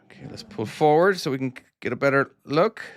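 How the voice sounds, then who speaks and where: An Irish game developer who makes trucking games streams his own game live, chatting casually and self-deprecatingly while playing and answering chat. His medium-pitched voice is animated and brisk, in a dry, clean studio recording.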